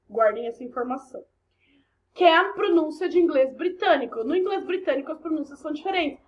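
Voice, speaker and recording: High-voiced Brazilian woman teaching. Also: muffled recording. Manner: chatty, explains step by step, frequent asides and "ok?" checks. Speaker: English teacher. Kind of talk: recorded online class explanation.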